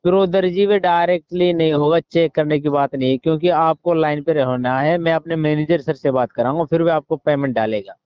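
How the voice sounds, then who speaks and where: A slightly high, smooth male voice talks fairly quickly with hardly any pauses and no room sound. He's an Indian man pretending to be a soldier buying something, negotiating informally over a muffled, recorded phone line, pushing repetitively and dropping in English words.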